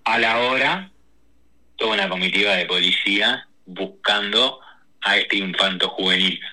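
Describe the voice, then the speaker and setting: A man, a guest telling personal stories in a lively, slangy way with many restarts. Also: fairly low pitch, low-quality recording. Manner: animated, rushes through stories with slang and restarts. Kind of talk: casual personal storytelling.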